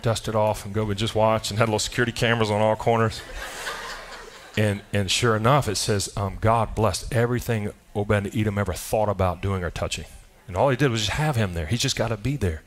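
Lower-voiced man preaching a sermon. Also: a little hiss or hum. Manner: animated, conversational preaching with asides and quick restarts. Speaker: pastor. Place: church sanctuary.

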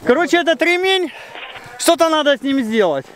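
A man's voice: extremely high pitch, expressive, a little fast, crowd noise. A man casually explaining things on an outdoor vlog in snowy mountains, hot and sweaty from the work. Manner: chatty, explaining hands-on. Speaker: snowmobile vlogger and instructor. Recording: outdoor wind and engine noise.

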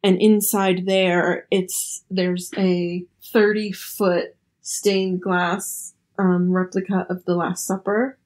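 A woman's voice: fairly low pitch, little pitch movement, slow pace, few pauses, a little mellow. A young woman co-hosting a podcast, describing things in a chatty way with many fillers. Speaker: podcast co-host. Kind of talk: casual chat.

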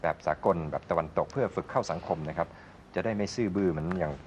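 A man's voice: low voice, quick pace, slightly rough, dull audio. A man hosting a language lesson show in a playful, joking casual chat. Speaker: host.

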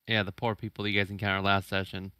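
Bright, smooth-voiced game master man. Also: low-pitched, flat delivery, quick pace, dry recording. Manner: casual, hesitant narration with fillers. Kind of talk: narrating a tabletop game.

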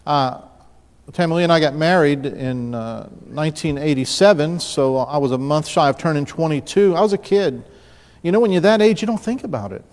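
Here a fifties-aged pastor from the New Orleans area delivers a sermon at the pulpit, speaking briskly in a slightly mellow voice that runs a little high for a man. His storytelling is loose and chatty, with frequent restarts and remarks to the congregation. Long reverb from the big sanctuary colors the pulpit mic and mid-distance camera audio.

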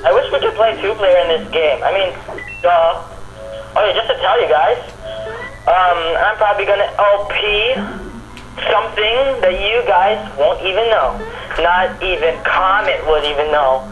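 A man's voice: high-pitched, normal speed, highs cut off. A male gamer chatting casually and rambling, often repeating his words and phrases. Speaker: gamer friend watching along. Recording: roomy echo. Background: video game music.

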